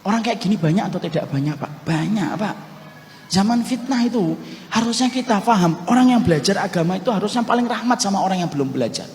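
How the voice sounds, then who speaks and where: A man preaching in a hall with a long echo, his voice pitched high and leaping widely up and down. He tells a story to his congregation, calling them "Pak", now loud and high, now soft and low. A faint hum runs behind him. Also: expressive, fast. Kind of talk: sermon. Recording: echoey hall recording with faint background hum.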